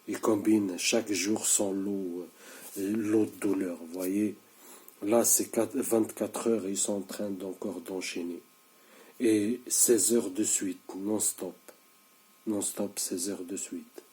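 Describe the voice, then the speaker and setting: In a casual video monologue, a man in his thirties who hasn't slept talks slowly and steadily in a fairly low, dark voice. Looking straight into the camera, he's insistent and repetitive, often tripping up and starting his sentences over.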